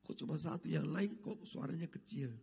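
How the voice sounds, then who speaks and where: High-pitched raspy male preacher in a reverberant hall. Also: brisk, a little mellow. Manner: emphatic, exhorting, repeats rhetorical questions. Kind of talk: Sunday church sermon, questioning the congregation. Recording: echoey hall with long reverb.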